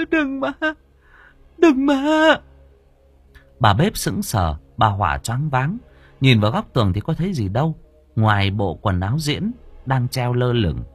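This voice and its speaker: A man narrating an audiobook story in a dramatic, animated reading. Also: lowish voice, slightly rough, no room sound. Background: faint music.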